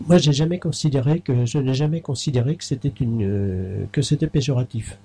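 A middle-aged man speaking as a mayor in an interview, his voice gravelly and husky with a dark, mellow tone. He talks haltingly, with frequent hesitations and restarts. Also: medium pitch. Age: middle-aged or older. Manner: halting, many fillers and restarts.

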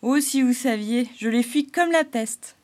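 This is an eager little harlequin spirit, played by a woman reading aloud. He talks in high, bright exclamations and chatters happily. The storybook telling stays soft and gentle around him. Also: measured pace, close to an everyday voice. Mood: delighted. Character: cheerful male harlequin spirit on a spring.

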